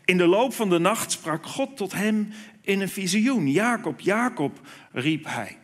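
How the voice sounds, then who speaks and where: Male preacher, unhurried sermon delivery, somewhat high voice. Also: very animated. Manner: slow, deliberate, with emphatic rises on key words.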